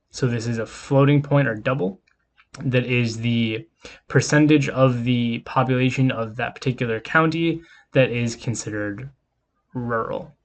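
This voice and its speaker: A man teaching a recorded coding lesson in an easygoing, explanatory way. His voice sits at an ordinary middle pitch and he talks through each step as he goes. Keyboard clicks and typing come through behind him. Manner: casual, explanatory, talks while typing code. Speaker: lecturer. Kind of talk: screen-recorded coding lecture.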